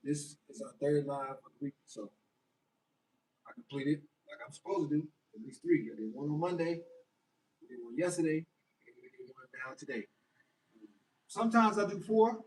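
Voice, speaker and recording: A man's voice: a little high, darkish tone, recorded from a distance, low-quality recording. A young adult man on a casual fitness livestream, reading viewer comments and answering them in a loose, chatty way.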